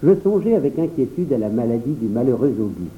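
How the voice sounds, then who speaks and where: A man narrating a storybook in the first person, expressive and voicing every character. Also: mid-range voice, quick pace. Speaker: audiobook reader. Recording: tinny phone-like recording.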